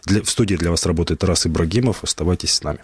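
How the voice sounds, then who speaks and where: A man with a fairly low voice hosts a morning radio news show. He presents live from a studio. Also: very fast, a little mellow, slightly rough, no room sound. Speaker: radio host.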